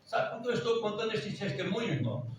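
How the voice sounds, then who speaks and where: A Brazilian pastor with a strikingly high voice preaches a Pentecostal sermon, dropping to a hush for stories and rising to shouts with repeated hallelujahs. He is heard from a distance, his words ringing through a cavernous church with faint ambience behind. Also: lively intonation, fast, a little hiss or hum. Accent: Brazilian Portuguese. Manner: swings from hushed storytelling to shouted preaching, frequent hallelujahs. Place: church sanctuary. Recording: very echoey church from far off.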